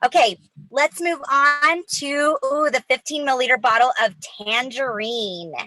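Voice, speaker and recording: Excited lady doing a hyped giveaway announcement, really bright high voice, chatty, dry close sound. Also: unhurried, no room sound, low-quality recording. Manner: excited, chatty, addresses viewers as you guys. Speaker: host of a live giveaway.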